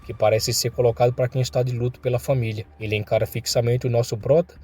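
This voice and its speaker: A man's voice: mid-range voice, flat delivery, quick pace, dark tone, husky. A man narrating a comic recap in a casual, slangy storytelling manner.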